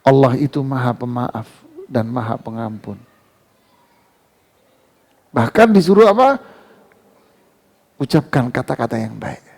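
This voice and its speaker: Gravelly, slow-speaking male preacher. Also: medium pitch. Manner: animated, rising loud on key words, slowing to recite verses. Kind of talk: mosque sermon. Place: mosque.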